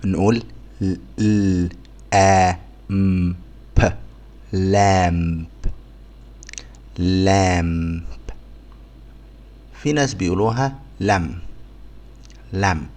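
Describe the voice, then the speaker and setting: A man with an Egyptian Arabic accent teaching a phonics lesson to beginners, sounding out letters one by one and repeating each word slowly. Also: deep voice, a little mellow. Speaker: English teacher.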